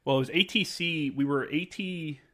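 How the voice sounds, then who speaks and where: A man's voice: on the high side, moderate pace, a bit bright. A man in his thirties hosting a podcast, asking a fellow veteran chummy questions. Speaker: podcast host, Marine veteran. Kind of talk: casual podcast interview.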